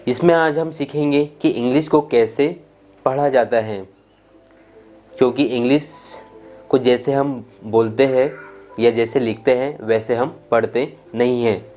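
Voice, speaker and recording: Male tutor, mid-range voice, unhurried lesson delivery, faint music underneath. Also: mid-range voice, steady tone. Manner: deliberate, repeats letters and sounds one by one. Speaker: spoken English teacher. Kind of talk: slow explanatory lesson. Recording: dull lo-fi sound with faint music.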